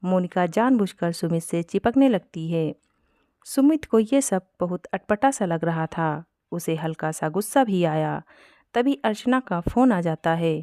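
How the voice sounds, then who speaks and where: Low mellow woman telling a story. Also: unhurried, no room sound, clean studio sound. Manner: steady, plain reading. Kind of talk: storybook narration.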